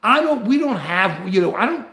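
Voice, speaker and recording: A man's voice: high-pitched, moderate pace, reverberant. Older man ranting on a livestream. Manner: rambling, repetitive and animated. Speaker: livestream host. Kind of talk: political livestream commentary.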